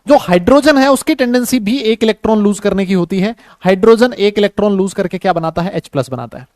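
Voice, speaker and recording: A man teaching a chemistry class online. He talks slowly and easily, mixes Hindi with English terms and keeps quizzing his students. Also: high-pitched, expressive, a little mellow, dry recording. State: has a headache.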